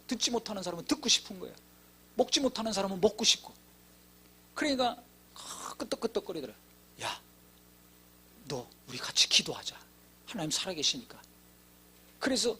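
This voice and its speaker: A man with a high, husky voice delivers a sermon as a church pastor. He tells his story with dramatic swells in pitch and acts out quoted dialogue along the way. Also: a bit bright. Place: church sanctuary.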